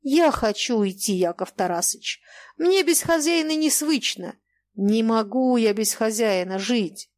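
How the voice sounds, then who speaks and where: A woman's voice: fairly high pitch, lively intonation, unhurried, darkish tone, dry recording. A woman voicing a guilt-ridden river captain who speaks in a deferential, plodding folksy way. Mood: sighing. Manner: deferential, plodding, apologetic common speech.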